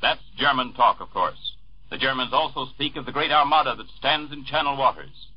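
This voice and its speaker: Husky newscaster on an old 1940s radio broadcast. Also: male voice, medium pitch. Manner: formal, measured news reading. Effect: old 1940s radio broadcast recording. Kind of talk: 1940s radio news bulletin. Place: network radio studio. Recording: dull lo-fi 1940s radio archive.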